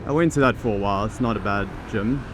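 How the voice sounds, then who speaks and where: A man speaking fast in a fairly low voice rides his motorbike through city traffic, casually thinking aloud to the camera with frequent restarts. He's a vlogger who founded a teaching program, and the recording carries traffic noise behind him.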